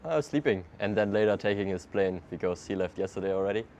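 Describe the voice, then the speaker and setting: A young German man, a traveler, answers questions in English during a casual street interview outdoors in a city. His voice is fairly low and he talks fast, relaxed and laughing often, with loose non-native phrasing.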